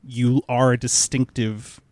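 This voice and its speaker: A man's voice: mid-range voice, little pitch movement, slow, darkish tone, no room sound. A man co-hosting a casual movie podcast, speaking earnestly and thinking aloud with fillers. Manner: thoughtful, earnest, works through points with fillers. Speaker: podcast co-host.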